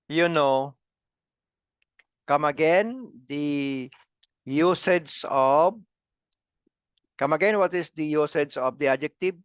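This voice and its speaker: Male grammar teacher, unhurried lecture, dry, muffled lo-fi recording. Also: mid-range voice, fairly bright tone, smooth, no room sound. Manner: repeats words and syllables, asks "come again". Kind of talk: slow classroom lecture.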